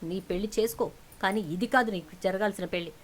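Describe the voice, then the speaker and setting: A woman voicing an angry, domineering middle-aged mother who berates her daughter loudly. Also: medium pitch, fast, natural voice. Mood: furious. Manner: shouting, berating.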